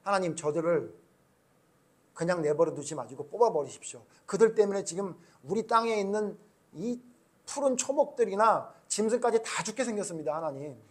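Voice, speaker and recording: A worn-out prophet, voiced by a high-pitched male preacher pleads and complains to God about injustice. The delivery stays in a sermon retelling, plaintive throughout. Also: animated, fairly quick. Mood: pleading.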